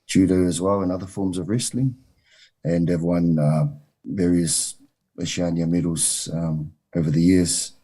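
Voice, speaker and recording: A New Zealand wrestling coach answers interview questions in a measured way, often saying um and uh. His voice is deep and mellow, with fairly even intonation.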